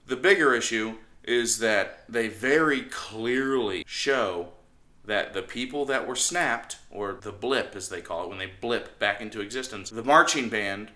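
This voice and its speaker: A man's voice: mid-range voice, pushed and bright. A man hosting a casual movie review, rambling and often doubling back on his phrases. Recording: echoey room.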